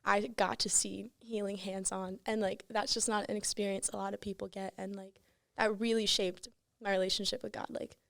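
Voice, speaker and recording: A woman's voice: medium pitch, level tone, normal speed, creaky, hardly any pauses, a bit bright, no room sound, studio quality. A teenage woman, a podcast guest, telling her personal story in a casual, earnest way with lots of fillers. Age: teens. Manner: earnest, frequent "like" and "you know". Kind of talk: casual chat, personal testimony.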